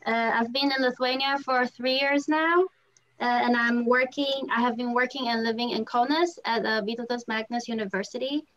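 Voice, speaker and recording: A woman's voice: on the high side, fairly even intonation, moderate pace, a bit bright, low-quality recording. A woman in her thirties from Taiwan, casually introducing herself to a group. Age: 30s. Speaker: participant, university worker and PhD student.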